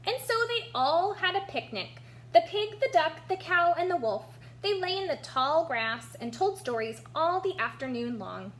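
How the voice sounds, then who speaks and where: Speaking at a normal speed in a very high, sing-song voice, a woman gives an animated children's read-aloud with picture commentary. A noticeable background hum is audible.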